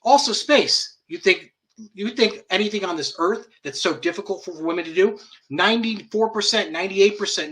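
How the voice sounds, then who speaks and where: A man's voice: sits high, pushed and bright. A man hosting an online commentary show, blunt and profane, chuckling mockingly as he rants. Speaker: host.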